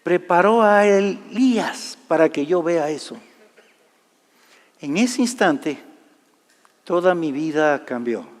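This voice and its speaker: High-voiced preacher in an echoing hall. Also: male voice, lively intonation, takes it slowly, long pauses. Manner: storytelling, swings from loud to hushed. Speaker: pastor. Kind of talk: sermon testimony. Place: large church hall. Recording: live church hall reverb.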